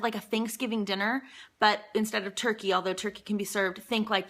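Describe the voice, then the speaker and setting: A woman's voice: medium pitch, fairly bright tone. A woman vlogging in casual chat, rambling along with frequent ums and asides as she answers a list of questions.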